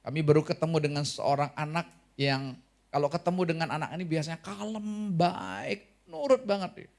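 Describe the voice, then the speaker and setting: A man preaching a sermon as pastor, lively and asking the congregation questions, with an Indonesian accent. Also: a little high, normal speed, gravelly.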